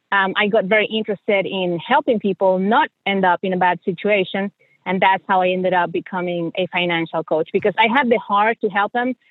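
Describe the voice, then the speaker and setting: A middle-aged Mexican woman, a native Spanish speaker with a Mexican accent, appears as a podcast guest and tells her story conversationally. She is a financial coach and journalist. Her voice is medium-pitched, and the audio is narrow and tinny with no echo.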